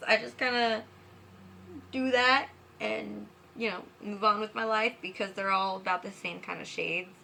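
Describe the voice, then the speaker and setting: A drunk woman hosts a casual makeup tutorial in a bright, forward voice. She fumbles and trips over her words while chatting through each step. There is faint noise behind her. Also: medium pitch, creaky.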